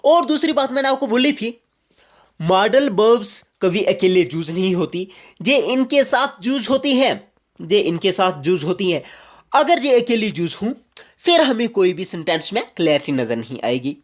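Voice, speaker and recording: This man, a teacher from Jammu and Kashmir, explains grammar in a lecture, slowly repeating every point and illustrating it with English examples. He speaks high with big swings in pitch.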